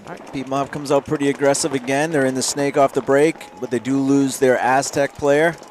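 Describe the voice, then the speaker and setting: Man, live sports commentary, paintball caller, easygoing, halting with fillers. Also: medium pitch, a little hiss or hum. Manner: relaxed, many fillers and restarts.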